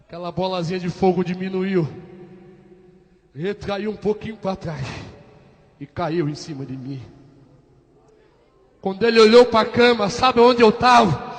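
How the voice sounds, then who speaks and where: A man preaching a testimony sermon, telling his story dramatically and breaking into shouts. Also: sits high, a little slow, pauses often, long reverb tail.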